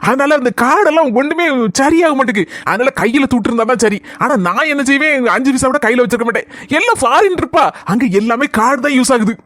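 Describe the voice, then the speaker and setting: A woman voicing a boastful, penniless husband in a comic cartoon, with a Kanyakumari Tamil accent and a teasing, smooth-talking manner. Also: sits high, lively intonation, fast talker, fairly bright tone, dry recording, studio quality. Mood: scheming. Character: boastful broke husband back from abroad.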